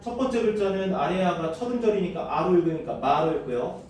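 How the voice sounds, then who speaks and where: A man's voice: high voice, a little fast, darkish tone, a little hiss or hum. A man teaching a classroom lesson, often asking the students questions and then answering them himself. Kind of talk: classroom lecture. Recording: echoey room, voice from far off.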